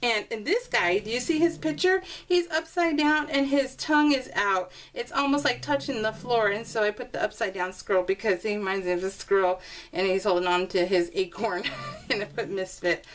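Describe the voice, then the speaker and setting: Showing off her scrapbook pages, this craft video maker talks to her audience in a loose, rambling way, breaking off mid-thought with giggles. She has a mid-range voice at normal speed, and the home recording is noticeably noisy with clicks.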